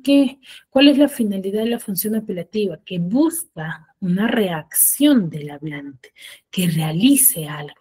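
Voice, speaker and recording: A woman teacher giving an online class, explaining step by step and often checking with quick tag questions. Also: medium pitch, animated, dark tone, slightly rough. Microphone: video call.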